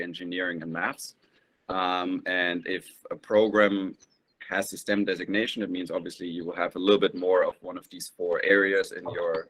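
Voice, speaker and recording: A man's voice: low voice, fairly bright tone. A young man in his twenties answering questions as a guest on a webinar, hesitant and full of "um"s. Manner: hesitant, many "um"s. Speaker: guest, business school applicant. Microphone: video call.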